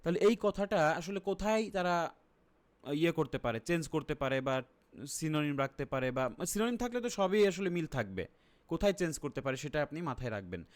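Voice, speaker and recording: A man's voice: fairly high pitch, lively intonation, fairly quick. A man with a Bangladeshi accent teaching an exam-prep lesson online. He keeps asking his viewers questions and then answers them himself. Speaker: IELTS teacher.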